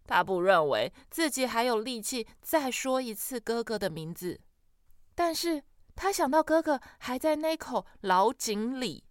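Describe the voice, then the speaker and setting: A woman narrating a children's story slowly, her pitch swooping widely as she reads. Her voice is bright and smooth, recorded close and dry. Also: no room sound. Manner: slow, expressive read-aloud with dramatic pauses.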